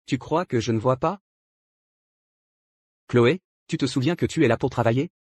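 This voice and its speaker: A man dubbing a proud, jealous young prince in a drama, stern and clipped, with a husky voice. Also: mid-range voice, moderate pace, a little mellow, no room sound, lightly acted. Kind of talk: dubbed short-drama acting.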